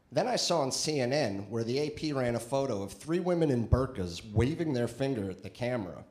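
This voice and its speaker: A man's voice: mid-range voice, a little mellow. A male stand-up comedian performing a conversational set with crude punchlines on a comedy club stage, into a handheld mic.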